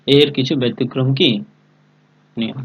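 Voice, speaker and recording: A man's voice: mid-range voice, fairly even intonation, normal speed, low-quality recording. Patient man teaching a spelling lesson. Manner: spells words letter by letter and keeps asking if students understood; calls on students by name. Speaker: English teacher. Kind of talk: live online class lesson.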